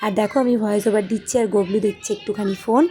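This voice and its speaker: Fast-talking woman doing vlog voice-over, warm dark voice, chatty with her viewers. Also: medium pitch, steady tone, a little hiss or hum. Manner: chatty, addresses viewers as friends. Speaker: vlogger.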